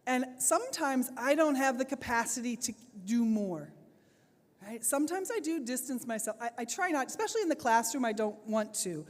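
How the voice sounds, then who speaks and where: Speaking to a conference of teachers, a female teacher trainer gives a plenary address in a large hall, asking the audience questions and laughing frequently. She has a fairly high voice with lively intonation at a normal speed, and hall reverb is audible.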